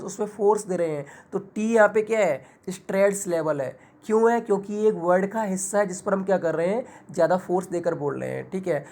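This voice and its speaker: A woman's voice: mid-range voice, darkish tone. A woman teacher explaining an English lesson in Hindi, asking herself questions and answering them, with an Indian English accent. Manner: explains step by step with rhetorical questions and frequent "ठीक है"; drawls example words slowly to show stress.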